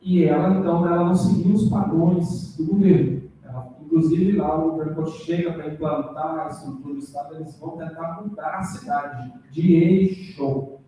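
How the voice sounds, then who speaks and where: Male seminar discussant, dark mellow tone, slightly high-pitched, taped from across an echoey room with faint noise. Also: fairly even intonation, recorded from a distance. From Brazil, Rondônia. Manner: halting, with many tag questions and restarts. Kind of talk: academic feedback in a seminar.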